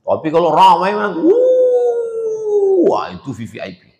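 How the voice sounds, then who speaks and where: Lively, joking preacher. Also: male voice, a little high, fast, vocal fry. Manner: humorous, acts out voices. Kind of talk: sermon.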